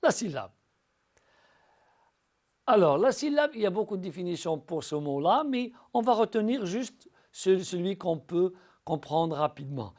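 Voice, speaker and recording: A male teacher talks pupils through a spelling lesson in a high voice. His pitch swings widely as he slowly sounds out syllables. He often stumbles and repeats words before going on. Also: sing-song, darkish tone. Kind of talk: recorded school lesson.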